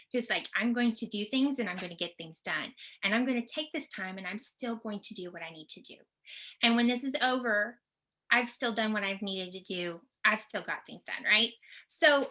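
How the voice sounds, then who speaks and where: A woman's voice: fairly high pitch, sharp tone. A middle-aged woman from the US Tornado Alley region gives a chatty, reassuring presentation from her home office over a video call, checking in with her listeners as she goes. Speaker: team member presenting.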